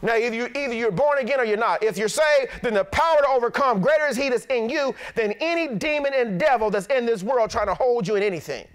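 A middle-aged pastor preaching a sermon in an animated, blunt, plain-spoken way. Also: male voice, extremely high pitch, fast, few pauses.

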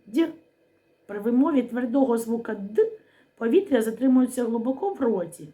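A woman teaching a literacy lesson to young children, speaking slowly and articulating each sound clearly, asking questions and pausing for answers. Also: a little high, warm tone. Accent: Ukrainian. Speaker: primary school teacher.

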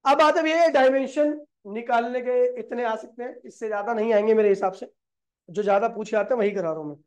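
A man's voice: very high voice, brisk. A man teaching physics in a classroom lecture. He asks the class questions and answers them himself, calling the students brother and kid.

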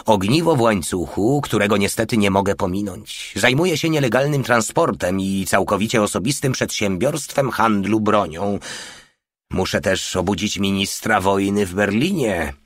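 A man's voice: on the low side, animated, moderate pace, no echo, studio quality. A man voicing a cocky, scheming male soldier who mocks everyone and stays unflappable, in an audiobook. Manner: mocking, unflappable.

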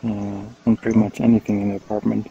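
A Swedish man hosts a casual group chat in a virtual world, his low, gravelly, warm voice slightly rough, fast, and monotone. He's hesitant, with many fillers and restarts, and the online voice chat comes through as dull lo-fi stream audio with faint noise.

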